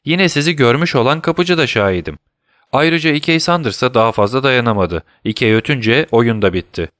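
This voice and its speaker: A man voicing a cool, mocking detective in an audiobook, calm and commanding, in a slightly raised voice. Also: medium pitch, fairly quick, no room sound, studio quality, pitched above the performer's own voice, lightly acted. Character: cool, mocking male detective, middle-aged. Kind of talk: audiobook character voice.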